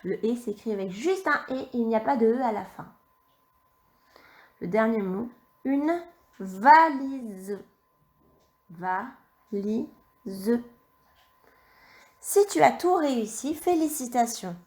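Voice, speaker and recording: A woman teaching young children, dictating words slowly and spelling out letters and syllables one by one. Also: on the high side, lively intonation, darkish tone. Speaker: primary school teacher.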